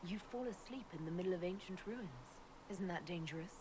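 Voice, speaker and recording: An actress playing an earnest, protective fantasy game hero with a direct, inquisitive way of talking. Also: female voice, fairly low pitch, lively intonation, fairly quick, background noise, natural voice. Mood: curious. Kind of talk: video game dialogue.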